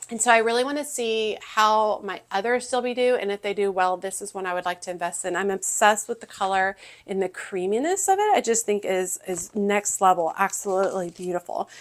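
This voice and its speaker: Chatty Southern woman gardener. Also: mid-range voice. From Texas, US. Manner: chatty, with frequent ums and self-corrections. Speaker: gardening channel host. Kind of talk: casual catalog walkthrough.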